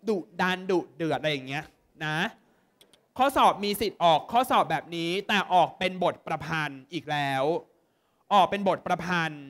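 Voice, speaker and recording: Brief: young male exam tutor from Thailand, high voice, keeps firing quick check-in questions at the class. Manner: lively, constantly checks understanding with quick questions. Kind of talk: exam prep lesson to students.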